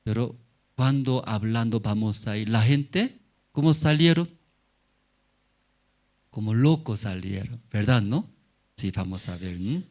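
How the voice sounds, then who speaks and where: A man's voice: lowish voice, expressive, slow, long pauses, a little mellow. A man preaching a Sunday sermon as pastor, in simple broken phrases full of rhetorical questions and short acted-out lines. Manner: often acts out Bible characters in a raised voice.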